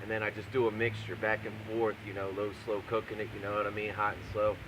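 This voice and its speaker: A man with a fairly low voice rambles in a loose, foul-mouthed vlog style. He is brash and crude, often repeating phrases for emphasis. There is noticeable background noise on the amateur recording. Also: monotone, fast. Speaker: video blogger and home cook. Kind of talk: profane, casual rambling rant to camera.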